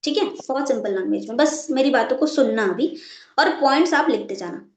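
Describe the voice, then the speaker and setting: High-voiced woman teaching a live online class. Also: lively intonation, fairly quick, reverberant. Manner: checks in often with the class, repeating points. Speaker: network marketing trainer. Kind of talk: live online training session.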